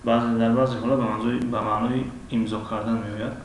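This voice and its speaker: A man with a Tajik accent teaching an English lesson. He pauses often with drawn-out fillers, clears his throat, and repeats each example word slowly. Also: medium pitch, level tone. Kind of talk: language lesson. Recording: very echoey room, mic at a distance, faint background noise.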